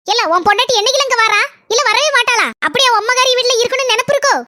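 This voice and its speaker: A woman's voice: very high-pitched, rapid-fire, bright, forceful tone, dry recording, studio quality. A woman voicing a greedy, scheming older village mother-in-law in a cartoon, nagging and scolding with a southern Tamil accent. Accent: southern Tamil (Tirunelveli–Kanyakumari). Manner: nagging, scolding, grumbling in rural slang. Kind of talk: cartoon comedy voice acting.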